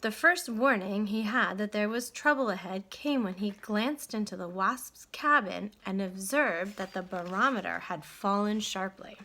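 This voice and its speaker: Female storybook narrator. Bright, forward tone, slow deliberate pacing, expressive and dramatic read-aloud delivery. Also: medium pitch. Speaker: storybook reader.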